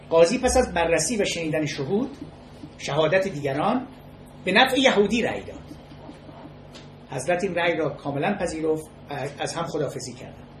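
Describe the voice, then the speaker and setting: Lecturer, halting and repetitive delivery, mid pitch, echoey room. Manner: measured and halting, restating key words and pausing between phrases. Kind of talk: spoken lecture on ethics with storytelling. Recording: echoey room with faint noise.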